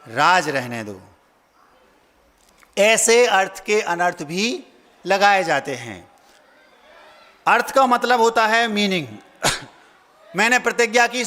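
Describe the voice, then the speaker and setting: A man's voice: high-pitched, sharp tone. A man, a monk preacher, giving a folksy storytelling sermon, acting out family voices and asking his listeners questions. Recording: hall reverb.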